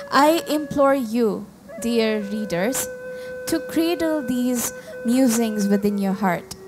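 At an open mic on a small cafe stage in front of a brick wall, a young woman with a Nepali accent reads her poem from her phone into a stand mic. Her slightly high voice is slow and measured, she sometimes restarts a word, and the recording is rough.

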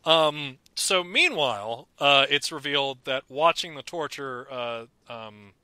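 A young man co-hosting a podcast, chatting excitedly about a cartoon and breaking into mock voices. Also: medium pitch, unhurried, clean tone, no room sound. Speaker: podcast co-host. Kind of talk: casual chat about a cartoon.

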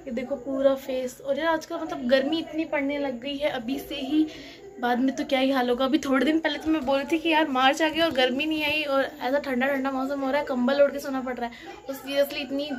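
Her voice sits high and steady as this twenty-something vlogger briskly narrates her day from home. She's chatty and playfully complaining, and her throat sounds slightly sore.

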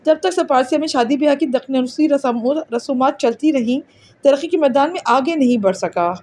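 A woman voicing a calm, superior alien girl from another planet in an audiobook, explaining things patiently. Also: high-pitched, natural voice. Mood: lecturing. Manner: patient, lecturing, matter-of-fact. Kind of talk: audiobook character reading.

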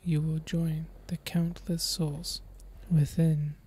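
A withered old hag of a horror story hisses in a dry, croaking whisper, as a woman puts her on in a breathy, husky hush. The voice sits low and dark, slow and menacing. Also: level tone, heavily acted. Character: withered malevolent old crone hag, female.

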